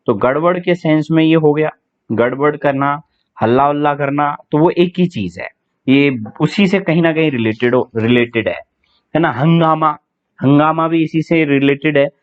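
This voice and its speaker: A man's voice: a little high, moderate pace. A man teaching English vocabulary for an exam, chatting with students, asking them questions and spelling words letter by letter. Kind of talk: online exam-prep vocabulary lesson. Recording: tinny phone-like sound.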